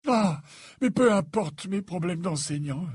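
Guy doing old wizard headmaster voice, tired, patient, kinda airy and up high, dry sound. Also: expressive, darkish tone, breathy edge, no echo, exaggerated voice. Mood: weary patient. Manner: measured, patient, slightly tired. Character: old male headmaster wizard, weary and gently formal.

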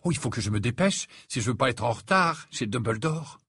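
A man voicing a teenage schoolboy wizard, friendly and a little hurried. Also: mid-range voice, expressive, pushed and bright, slightly rough, no room sound, clean studio sound, heavily acted.

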